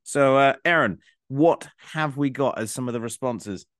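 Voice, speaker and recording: Male podcast co-host, middle pitch, rambling and chuckling, dry recording. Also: moderate pace, fairly bright tone, no room sound. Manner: rambling with many fillers, laughs often. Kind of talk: casual chat.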